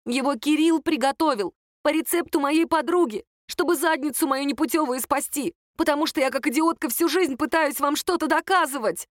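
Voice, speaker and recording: A woman reading a story voices Lera, a bitter, defiant young woman shouting in heated outbursts. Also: medium pitch, fairly quick, no room sound, studio quality, close to an everyday voice.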